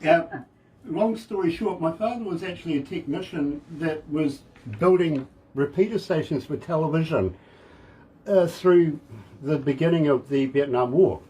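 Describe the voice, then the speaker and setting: A man's voice: a little high, normal speed, dark tone, low-quality recording. An older man from New Zealand with a Kiwi accent, hosting a casual radio interview and joking with many restarts. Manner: jokey, chuckling, rambling with restarts. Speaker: radio DJ and host.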